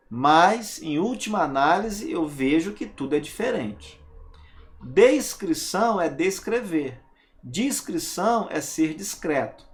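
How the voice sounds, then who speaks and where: A man teaching a grammar lesson, stressing single words and asking rhetorical questions to check understanding. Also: high voice.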